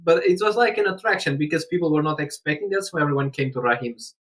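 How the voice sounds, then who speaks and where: A man from Portugal, a podcast guest, telling travel stories in a casual, animated way and laughing often. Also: a little high, fast talker. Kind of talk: casual storytelling conversation.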